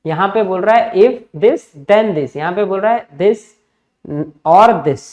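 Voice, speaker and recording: A man's voice: sits high, slow pace, a little mellow, muffled recording. Male maths teacher, exam-prep lesson, explaining step by step, English terms mixed in. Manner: explanatory, keeps calling students "kids", mixes English terms in.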